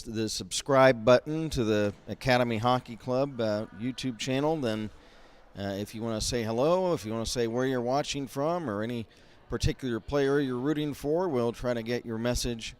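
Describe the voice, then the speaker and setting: A man calling a high school hockey game play by play, folksy and rambling with lots of fillers, from behind glass up in a rink mezzanine. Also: smooth. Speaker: play-by-play announcer. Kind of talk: amateur hockey play-by-play commentary.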